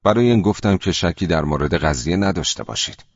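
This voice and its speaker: A man's voice: low-pitched, expressive, husky, no room sound, lo-fi sound, heavily acted. A male narrator voicing a chatty woman passenger on a plane who keeps talking without getting a reply. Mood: chatty insistent. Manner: insistent, talks on without a reply.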